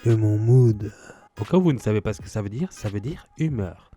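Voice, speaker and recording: A man's voice: on the low side, very animated, quick pace, dark tone, husky, soft background music. A man doing a scripted, comedic vlog commentary, sounding exasperated and sardonic as he mocks how people pronounce borrowed words. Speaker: vlogger.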